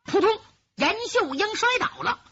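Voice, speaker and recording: A woman performs traditional storytelling with animated delivery and vocal sound effects. Her voice is high, lively in pitch and bright with a husky edge. The recording is dull and lo-fi. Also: normal speed.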